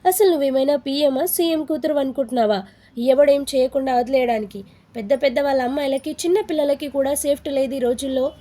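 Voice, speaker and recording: A bossy young man with a quick temper, voiced by a woman storyteller. He scolds in a stern, firm way. The voice sits high yet sounds soft and mellow. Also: lightly acted. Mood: scolding.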